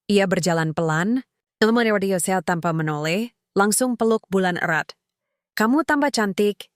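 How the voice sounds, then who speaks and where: A woman reading a scripted first-person story in a calm, measured way, in short phrases. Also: fairly low pitch, no echo, studio quality.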